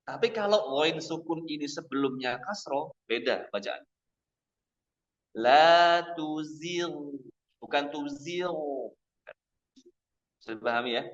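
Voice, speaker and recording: A man teaching Quran pronunciation at a mosque study session. He drills each sound slowly and repeats it several times, contrasting the correct reading with wrong ones. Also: medium pitch, fairly bright tone. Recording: dull lo-fi lecture recording.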